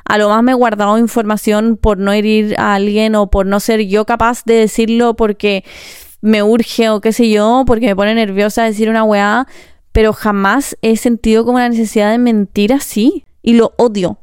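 A young woman with a Chilean Spanish accent, ranting casually in a vlog, swearing freely and talking in quick bursts broken by pauses. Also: fairly high pitch, flat delivery, a little mellow, clear, resonant tone, dry recording, studio quality. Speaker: vlogger.

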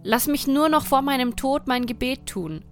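A terrified young wife begs and calls for help in high, desperate cries, as a woman reading the tale acts her out. Soft music hums behind the storybook voice. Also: lively intonation, moderate pace. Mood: timid. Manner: pleading, crying out desperately. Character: frightened young wife pleading for her life.

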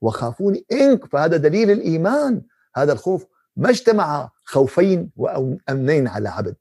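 A man with a Levantine Arabic accent, a sheikh giving an animated Quran commentary sermon, who keeps asking his listeners questions and recites verses slowly. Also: on the high side, vocal fry, breathy edge. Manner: animated, rhetorical questions to the audience.

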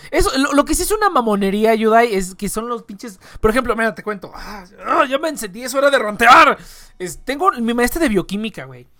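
A woman's voice: on the high side, lively intonation, fairly quick, sharp tone, dry recording. A young woman with a Mexican accent hosting a livestream, chatting and ranting casually, swearing freely and tagging her sentences with questions. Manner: slangy, swears freely, tags phrases with questions. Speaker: livestream host. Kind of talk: casual ranting chat with a guest.

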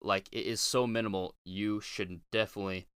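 Male podcaster, lowish smooth voice, informal and blunt, opinionated solo talk, dry closet sound. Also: fairly even intonation, a little fast, fairly bright tone, dry recording. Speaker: podcast host. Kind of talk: casual opinionated podcast monologue. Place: small closet in a home bedroom.

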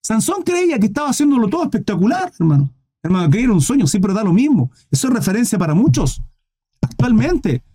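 A man's voice: high-pitched, very animated, brisk, dark tone, breathy edge. A man preaching in a livestreamed Bible study, emphatic, with many rhetorical questions, and he keeps calling his listeners "brother".

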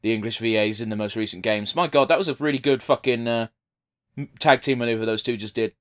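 A man's voice: medium pitch, quick pace, fairly bright tone. A man giving casual, blunt, sweary commentary as a podcast co-host. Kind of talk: casual watch-along commentary.

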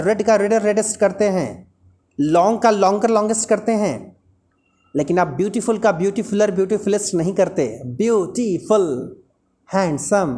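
A woman's voice: medium pitch, a little mellow. A woman teaching an English lesson, explaining patiently and repeating example words aloud.

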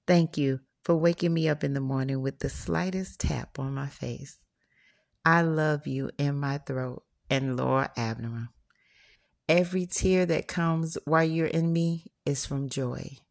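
A woman casually reading her own first-person erotic story, frank and unhurried. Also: deep voice, gravelly. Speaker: author and podcast host reading her book.

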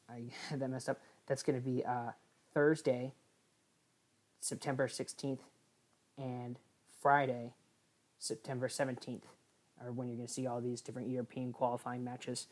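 A woman with a remarkably low, deep voice co-hosts a casual sports podcast. She rambles through the news roundup, pausing often on fillers and correcting herself as she goes. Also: level tone, a little mellow. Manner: rambling with frequent filler pauses and self-corrections. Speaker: podcast co-host.

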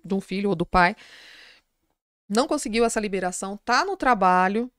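A middle-aged woman, a psychologist guest on a podcast, telling an anecdote in a lively, casual way. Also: mid-range voice, fairly quick, clear, resonant tone, dry recording, clean studio sound. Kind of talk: casual storytelling in a podcast interview.

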